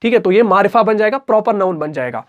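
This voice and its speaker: A man with a fairly high voice explains recitation rules step by step. He repeats each point patiently and asks his students questions that he then answers himself, like a classroom teacher. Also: lively intonation, quick pace.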